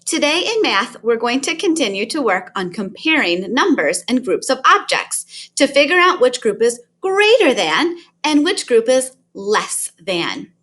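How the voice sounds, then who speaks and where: Woman, kindergarten teacher, kids show host manner, sing-song, slow pace, high-ish voice, talking directly to children. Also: very animated, a bit bright. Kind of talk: children's math lesson, counting along.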